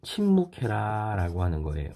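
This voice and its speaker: A man's voice: lowish voice, huge pitch swings, normal speed, vocal fry, dark tone. A man pastor preaching a sermon on a Bible passage, asking the listeners rhetorical questions throughout.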